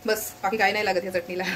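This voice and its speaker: A woman's voice: mid-range voice, flat delivery, a little fast, a bit bright, slight background noise. A woman chatting casually to viewers while cooking in her home kitchen, filming on a phone held in her hand and keeps pointing things out. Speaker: family vlogger.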